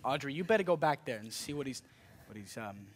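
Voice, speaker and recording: A teenage boy acting as a gruff, complaining flower shop owner on a school stage. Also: mid-range voice, lively intonation, a little fast. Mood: muttering. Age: teens. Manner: gruff, complaining, shouts at staff. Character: grumpy middle-aged male flower shop owner. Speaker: stage actor. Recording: live stage recording.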